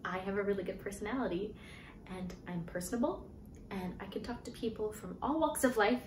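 A woman's voice: on the high side, lively intonation, moderate pace, lightly acted. An actress in her twenties playing a flustered, defensive young jobless graduate in a naturalistic stage monologue, rambling and hesitant. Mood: pleading, earnest. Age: 20s. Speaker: actor performing a monologue. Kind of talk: naturalistic contemporary theatre monologue. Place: small bare-walled room indoors. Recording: echoey room, faint hiss and noise.

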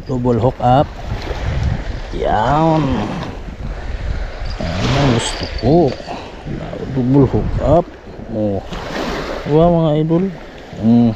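On a sunny, sandy beach by the sea, a Filipino fishing vlogger talks casually to his viewers while he fishes, excitable, repeating phrases and calling them "idol." His medium-pitched speech is extremely slow with frequent pauses. Captured on a head-mounted action camera, the outdoor mic sounds muffled, with wind and sea noise.

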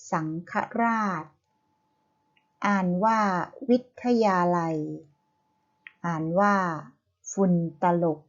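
Very slow, deliberate woman teacher. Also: fairly low pitch, lo-fi sound. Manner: deliberate, syllable by syllable, repeating each word cue. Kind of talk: slow vocabulary reading drill.

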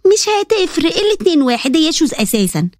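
A woman voicing a cheeky, sharp-tongued young woman in an animated story, with an Egyptian accent and a mocking, insulting manner. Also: very high-pitched, fast talker, no echo, studio quality.

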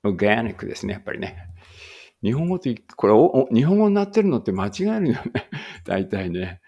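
A man teaching a casual English read-aloud lesson, chatty and correcting himself as he goes, reading English sentences slowly. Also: mid-range voice, very animated, gravelly, mellow, lo-fi sound.

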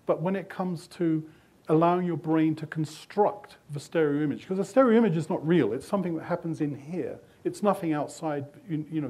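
Speaking away from the podium microphone in a hotel meeting room, an older magazine editor with a British accent takes audience questions at a conference talk. His voice is a little high, dark-toned and slightly rough, and his explanations are thoughtful and loose, with restarts.

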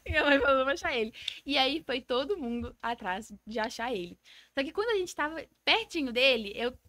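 A nineteen-year-old woman telling a story as a guest in a casual interview, animated and acting out the dialogue she quotes. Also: sits high, brisk, no room sound. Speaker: guest, comedy content creator.

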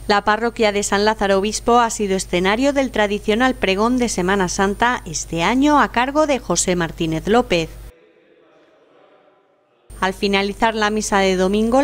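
A woman's voice: medium pitch, slight background noise. A woman with an accent from Spain reads scripted local news narration as a reporter. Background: music.

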